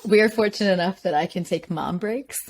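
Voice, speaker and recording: A woman's voice: mid-range voice, brisk, darkish tone. Chatty, candid woman podcast host. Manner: chatty, candid, laughs often. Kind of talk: conversational podcast interview.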